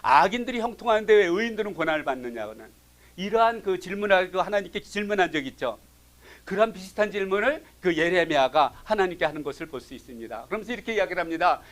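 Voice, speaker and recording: A man teaching a Bible study class, animated, dropping from loud emphasis to hushed asides and acting out quoted voices. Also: high voice, fast talker.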